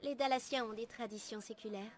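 A woman playing an earnest, gentle young elf apprentice in a video game, speaking formally and in measured, literary phrases. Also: fairly high pitch, steady tone, a little hiss or hum, natural voice. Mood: earnest, resigned. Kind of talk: video game dialogue acting. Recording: music behind the voice.

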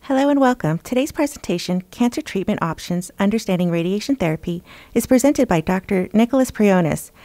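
A woman's voice: on the low side, a little mellow, no room sound. A woman giving a formal scripted introduction as the announcer of a presentation.

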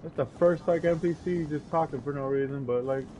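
Playing and commenting as he goes, this gamer has a higher, dark-toned voice and a brisk delivery. He rambles, mutters to himself and plays out small exchanges, all over a dull lo-fi mic with noticeable background noise.

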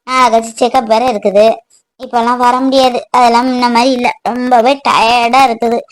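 A woman's voice: fairly high pitch, little pitch movement, normal speed, lightly acted. A woman voicing a tired, dismissive pregnant young woman in a cartoon. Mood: weary. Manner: dismissive, weary complaining.

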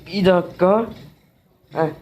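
This let's-play commentary comes from a gaming channel host whose high voice is slow and a little mellow. He grumbles at the game and talks to his viewers, while the recording has cut-off highs and a little hiss or hum.

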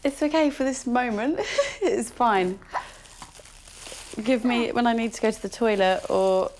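A woman's voice: fairly high pitch, unhurried, darkish tone. Mother at home, candid, sing-song with the kids, sometimes tearful; noisy room audio behind her. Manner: sing-song baby talk, at times tearful. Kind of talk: candid documentary talk at home. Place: family home. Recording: noisy handheld documentary audio.

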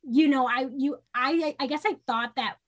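Woman in her thirties from the Dominican Republic, podcast guest; effusive and chatty, higher voice, restarts her sentences a lot. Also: normal speed. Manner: warm, effusive, many "like" fillers and restarts. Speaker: guest, social worker and parenting creator. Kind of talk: casual interview chat.

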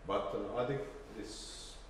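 A middle-aged man with a lowish voice gives an informal, halting, hesitant presentation with a slide demo in an indoor seminar room with a projector screen. A distant camera mic captures him, so the sound is roomy and echoey with faint noise.

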